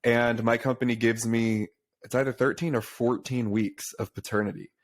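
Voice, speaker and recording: A young man hosting a casual podcast over a remote call, talking in a relaxed, chatty way. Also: mid-range voice, moderate pace. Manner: relaxed, chatty, says "dude" and "uh" often. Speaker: podcast host, pharma sales rep.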